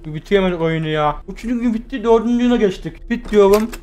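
A man commentating a horror game for his viewers, chatting to them and yelping and shouting when frightened. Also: high voice, fast talker, slight background noise. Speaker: gaming YouTuber.

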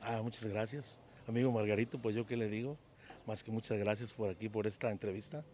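Speaking into a handheld mic that the interviewer holds, a Mexican singer in his fifties answers questions at dawn in an outdoor town plaza, humble, hesitant, and prone to repeating words. His voice is fairly low, fairly even in intonation, fairly quick, and darkish. There's a little hiss or hum.

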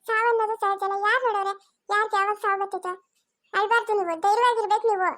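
A woman's voice: very high-pitched, steady tone, quick pace, fairly bright tone. A woman playing a stern, insistent village priest. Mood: consoling. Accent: Karnataka rural Kannada. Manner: firm, questioning, insistent. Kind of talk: amateur family drama acting.

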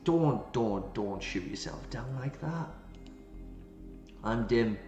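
A man's voice: mid-range voice, expressive, slow, warm tone. A man playing through a game, reading its text aloud and reacting with playful, jokey asides. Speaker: gaming channel host. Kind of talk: let's play commentary. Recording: roomy, slightly dull, game music behind.

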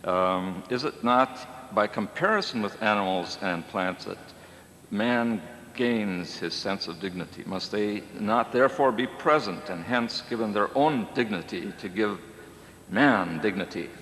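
Low-voiced male moderator in an echoey hall. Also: measured pace, fairly bright tone. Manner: hesitant, frequent um and uh. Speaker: moderator reading audience questions. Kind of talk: moderating a conference Q&A. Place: lecture hall. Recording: echoey hall with faint noise.

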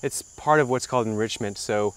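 A man in his thirties giving unscripted, halting and reflective explanations as a wildlife guide. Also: lowish voice, smooth. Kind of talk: unscripted talk to camera. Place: outdoors at an animal sanctuary.

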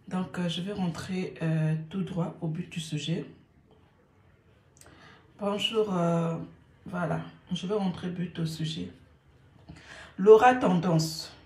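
A woman's voice: lowish voice, darkish tone. Repetitive woman in an echoey room. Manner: repeats words over and over, mixing French and Lingala. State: a little irritated. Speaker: live stream host. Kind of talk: casual live-stream monologue.

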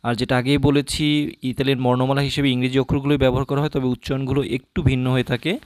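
A man from Bangladesh teaching a beginner language class, saying each letter and word slowly and repeating it so learners can say it along with him. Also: mid-range voice, flat delivery, a little mellow, no echo.

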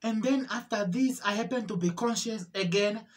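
A woman with a fairly high voice gives an emotional religious testimony. She repeats phrases over and over, pleading, and her voice climbs into cries as she stumbles through restarts. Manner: repetitive, pleading, voice rising into cries; halting, with restarts. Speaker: testimony speaker.

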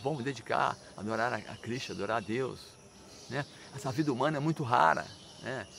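A man's voice: medium pitch, fairly quick, gravelly, fairly bright tone, slight background noise. A man voicing a devout young boy urging his classmates toward spiritual life. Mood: earnest. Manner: earnest, pleading.

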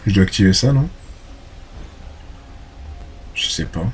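A man's voice: low-pitched, expressive, takes it slowly, a little mellow. Guy narrating his gameplay, talks to himself, curses at enemies, faint game music underneath. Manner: chatty, talks to himself, exclaims and curses during fights. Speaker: gameplay commentator. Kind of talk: casual let's play commentary.

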